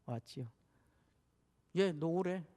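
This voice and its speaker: A man's voice: a little high, slow, mellow. A male pastor preaching a sermon, acting out scripture scenes and asking the congregation many rhetorical questions. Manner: dramatizes scripture, acting out rebukes and pleas. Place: church sanctuary. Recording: long church hall reverb.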